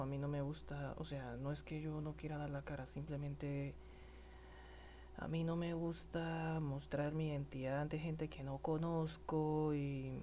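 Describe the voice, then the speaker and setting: A man from Colombia with a regional Colombian accent, speaking in a personal monologue, halting and stammering with many restarts, earnest and indignant. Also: on the high side, mellow, slight background noise. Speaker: citizen speaking about protests.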